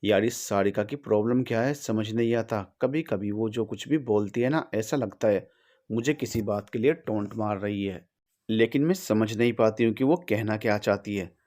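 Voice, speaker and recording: A man's voice: lowish voice, moderate pace, a little mellow, close to an everyday voice. A man voicing a withdrawn young woman. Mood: confiding. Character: young woman, quiet, withdrawn, sharp when cornered.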